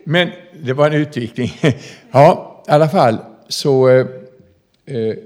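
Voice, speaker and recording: Older man, prison minister, storytelling sermon, folksy, animated, middle-pitched voice. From southern Småland, Sweden. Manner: folksy, animated, addresses listeners directly.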